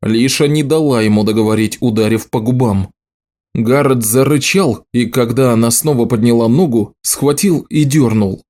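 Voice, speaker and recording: A man narrating an audiobook in a steady storytelling delivery. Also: medium pitch, normal speed. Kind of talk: scripted narration.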